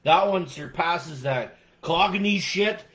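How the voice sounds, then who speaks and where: Man, co-host, casual snack tasting chat, slightly high voice, joking asides. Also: fairly bright tone. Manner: joking, quick asides, laughs often.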